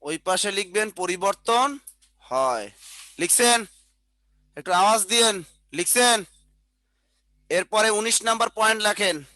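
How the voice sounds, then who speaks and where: Guy teaching a class on a video call, high bright voice, keeps repeating the points to write down. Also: measured pace, long pauses, dry recording. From Bangladesh. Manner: dictating notes, repeating points; colloquial, joking asides. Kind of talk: online class lecture.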